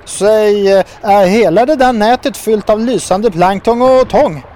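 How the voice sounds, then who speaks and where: A man voicing a boastful, loud male toad sailor with a booming, blustering manner. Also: animated, slight background noise.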